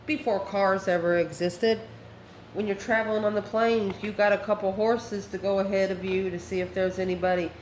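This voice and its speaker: Musing aloud over each card, a woman hosting online offers an offhand, improvised tarot reading in a medium-pitched, darkish voice. There is roomy echo in the recording along with faint background noise.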